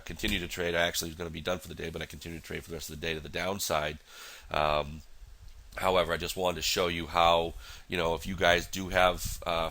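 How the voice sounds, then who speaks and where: A deep-voiced man with a bright, forward edge to his tone, sounding stuffed up and nasal from a cold. He talks through his trades in a loose, rambling way, full of "you know" and restarts. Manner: rambling, many fillers and restarts. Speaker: futures trader. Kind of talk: casual market analysis walkthrough.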